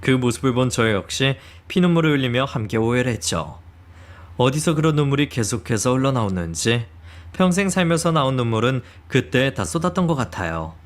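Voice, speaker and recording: A man giving calm scripted first-person narration for a radio story. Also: mid-range voice, a little fast.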